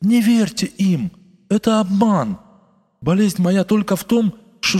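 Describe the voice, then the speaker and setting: A man voicing a distraught male provincial doctor who shouts in trembling, tearful outbursts. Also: sits high, voice pushed up. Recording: long reverb, faint music.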